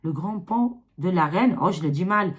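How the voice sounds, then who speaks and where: A woman's voice: lowish voice, animated, normal speed. A woman with an Albanian accent reading tarot cards to camera in a rambling, casual way, dropping many fillers. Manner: rambling, filler-heavy, repeats 'hein'. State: tired. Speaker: tarot reader.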